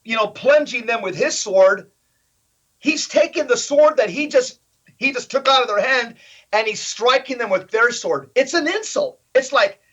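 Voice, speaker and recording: A man's voice: extremely high pitch, animated, moderate pace, a bit bright. A man speaking as a guest in an interview, talking in an emphatic, punchy way and throwing in rhetorical questions. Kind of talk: animated political interview talk. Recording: slightly dull lo-fi audio.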